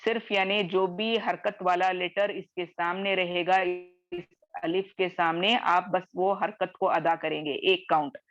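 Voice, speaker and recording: A woman teaches recitation in a low, unhurried voice. She repeats each point patiently and keeps checking that her students follow. The sound is dull and lo-fi, as on a video call. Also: fairly even intonation. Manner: patient, repetitive, ends phrases with "theek hai". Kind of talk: online class explanation.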